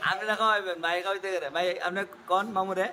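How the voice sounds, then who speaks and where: An adult gently questions, teases and soothes a crying child in casual chat. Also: mid-range voice, fairly even intonation, rapid-fire, noisy background.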